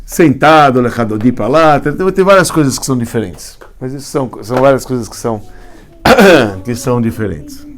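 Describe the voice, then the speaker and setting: A man's voice: mid-range voice, lively intonation, normal speed. A man, a rabbi teaching Hebrew letters in a class, explaining step by step and often asking if students follow. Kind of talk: classroom lecture.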